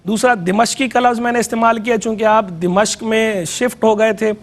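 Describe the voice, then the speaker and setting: A man with a Pakistani Urdu accent, a religious scholar giving an educational lecture on a TV program, measured and explanatory, repeating key terms to stress them. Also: high-pitched, level tone.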